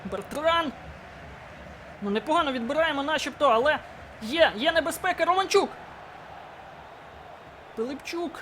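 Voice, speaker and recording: A man commentating his own football video game match, getting excited and shouting at goals and chances. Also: extremely high pitch, normal speed, long pauses, a little hiss or hum. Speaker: gaming YouTuber.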